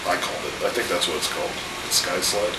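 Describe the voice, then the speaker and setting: Talking quickly in a low voice, this man in his thirties rambles through a casual home video chat with lots of fillers. A cold leaves his voice a little off. The recording is distant, with the mic set back in an echoey room and an AC humming.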